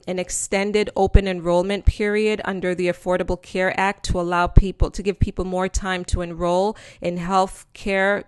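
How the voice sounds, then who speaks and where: Chatting over slides, a Jamaican-accented host explains the news to her viewers, addressing them as friends and guys and filling her speech with plenty of ums. Her medium-pitched voice sounds clean, with no room sound.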